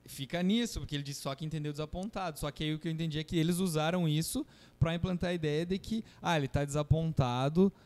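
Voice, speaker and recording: A man's voice: on the high side, quick pace, hardly any pauses, a little mellow. A man co-hosting a podcast, chatting casually about a film in a rambling, enthusiastic, slangy way. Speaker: podcast co-host. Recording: noisy recording with clicks.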